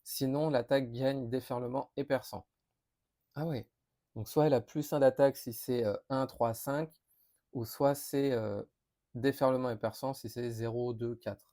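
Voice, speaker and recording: A man talks through new game cards in a loose, chatty preview. He reads each card, stumbles, corrects himself and reacts as he works it out. His voice sits at a middling pitch, neither high nor low. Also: steady tone, normal speed, warm tone. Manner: thinking aloud, reading cards with many fillers and restarts. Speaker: board game youtuber. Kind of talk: casual card preview commentary.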